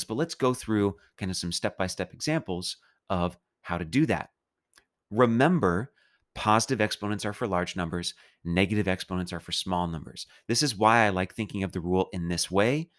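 A man's voice: fairly low pitch, fairly bright tone. A man teaching a recorded chemistry math lecture, explaining steps in a casual, playful way. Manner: casual, playful explaining with a loose, chatty delivery. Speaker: chemistry instructor.

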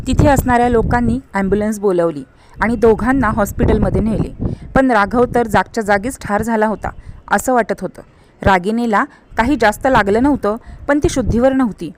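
A woman narrating an audio story, reading out the dialogue of every character herself in an expressive way. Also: a little hiss or hum. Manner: expressive, shifts pitch for dialogue, cries out in tense scenes.

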